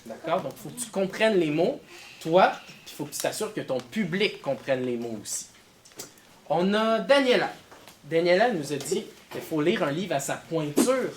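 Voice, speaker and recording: A man's voice: on the high side, normal speed, a little hiss or hum. A man teaching a class of children, asking them questions as he goes. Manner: lively, questioning pupils.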